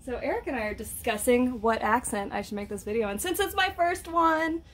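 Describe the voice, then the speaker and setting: A woman's voice: fairly high pitch, lively intonation, a little fast, slight background noise. A woman chatting casually to camera while painting, giggly and self-mocking. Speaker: vlogger. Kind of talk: casual home vlog.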